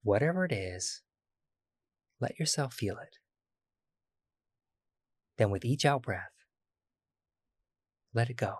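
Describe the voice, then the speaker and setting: A man guiding a body-scan meditation, speaking slowly and soothingly with long pauses. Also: medium pitch, lively intonation, breathy edge, no room sound, studio quality. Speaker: meditation guide.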